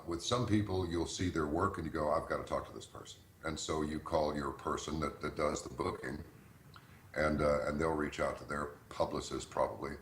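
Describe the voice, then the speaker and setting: A middle-aged man, a radio host, giving folksy, animated advice in conversation and acting out callers as he goes. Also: very deep voice, reverberant, slight background noise. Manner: folksy, animated storyteller who acts out callers.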